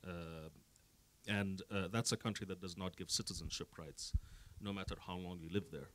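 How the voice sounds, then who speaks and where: Deep, earnest man from the Emirates. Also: steady tone, moderate pace, a bit bright, slight background noise. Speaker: panel guest, activist. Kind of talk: panel discussion answer.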